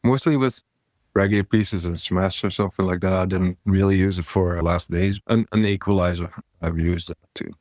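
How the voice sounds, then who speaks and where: Low-voiced man, rambling relaxed answers. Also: moderate pace, no echo, clean studio sound. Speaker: goregrind vocalist guest. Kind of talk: casual interview chat.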